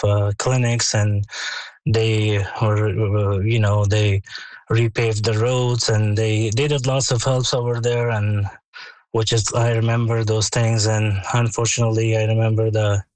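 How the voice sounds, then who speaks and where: An Afghan man speaking in hesitant, broken English, full of pauses and fillers. His voice stays flat in pitch, and the sound is dry and close. He answers as a guest calling in to a radio interview. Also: no room sound, rough recording. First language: not English. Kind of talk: phone interview. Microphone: phone line.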